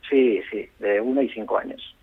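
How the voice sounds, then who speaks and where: A man's voice: on the low side, moderate pace, creaky. A man calling in, answering hesitantly and amiably. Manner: hesitant, friendly. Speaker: caller, contest finalist. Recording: dull noisy phone line.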